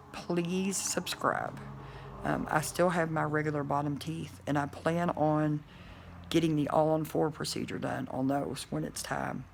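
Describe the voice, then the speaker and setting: Woman, gravelly voice, talks thick through a bulky denture, loose and rambling. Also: deep voice, a little hiss or hum. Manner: rambling, many fillers and restarts. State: speech muffled by a bulky denture. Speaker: vlogger. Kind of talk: casual talk to camera.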